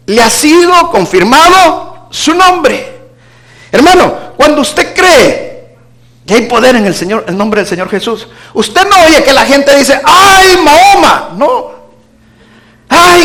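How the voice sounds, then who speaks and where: A man preaching a sermon as pastor, moving between emphatic declarations and hushed low asides.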